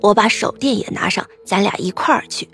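A woman voicing a kindly elderly woman with a gentle, caring way of speaking in a storybook reading. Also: medium pitch, fairly quick, husky, faint music behind. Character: kindly elderly woman running a wonton stall.

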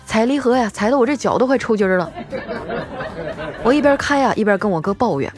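A woman's voice: on the high side, expressive, quick pace, music in the background, a crowd in the background. A female host telling scripted comic stories in a playful way, chuckling between jokes.

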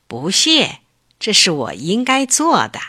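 A woman's voice: mid-range voice, wildly swooping pitch, pushed and bright, husky, no echo, studio quality, exaggerated voice. A woman voicing a kind, eager young male bear cub who talks earnestly and in a hurry, in a children's storybook. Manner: earnest, hurried, helpful.

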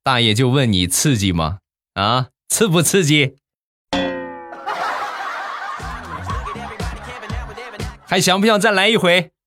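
A man voicing a scheming old man who fakes an injury, with theatrical wailing and shouting. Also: on the high side, normal speed, dry recording, clean studio sound, soft background music, pitched above the performer's own voice, natural voice. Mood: teasing.

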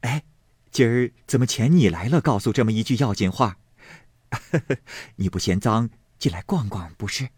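A man voicing a middle-aged kitchen woman who speaks softly and ingratiatingly, eager to please. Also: medium pitch, brisk, husky, no room sound, studio quality, lightly acted. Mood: fawning. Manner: ingratiating, soft-spoken.

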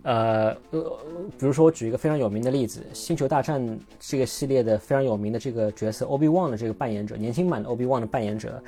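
Rambling man hosting a podcast, mellow voice. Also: mid-range voice, quick pace, few pauses, soft background music. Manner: rambling, self-correcting, looks things up mid-talk. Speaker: podcast host. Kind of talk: casual solo podcast chat.

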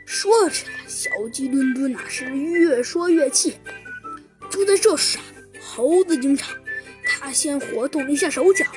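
A woman narrating a children's story in a lively, exclamatory way. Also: sits high, measured pace, over music.

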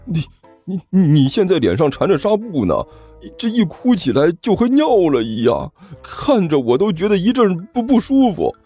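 A man's voice: sits high, big pitch swings, moderate pace, mellow, breathy edge, soft background music, voice pushed up, heavily acted. A man voicing a nervous young male sidekick who stammers and pleads. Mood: flustered.

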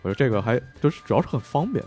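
A man in casual gaming chat with a relaxed, easygoing manner. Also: medium pitch, very fast, soft background music.

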